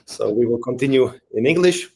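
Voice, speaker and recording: A man's voice: mid-range voice, fairly quick, slight background noise. Man hosting a business webinar. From Slovakia. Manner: relaxed, friendly, frequent "uh" fillers. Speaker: webinar host, payments advisor.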